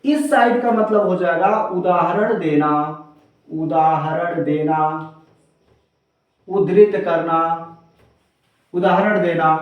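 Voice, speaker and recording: A man's voice: sits high, a little mellow. A male teacher giving a grammar lesson, spelling out words letter by letter and repeating each term. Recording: roomy echo, from far off.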